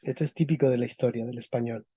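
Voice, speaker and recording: A male teacher giving a lecture on the history of Spanish, explaining step by step and checking with quick tag questions. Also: medium pitch, steady tone, mellow, husky, dry recording. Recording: dull lo-fi recording.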